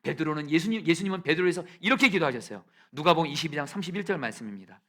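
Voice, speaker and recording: A male pastor preaching a sermon in a church. He swings from soft near-whispers to loud shouted peaks and leads the congregation in reading scripture aloud. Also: a little high, lively intonation, rapid-fire. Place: church sanctuary.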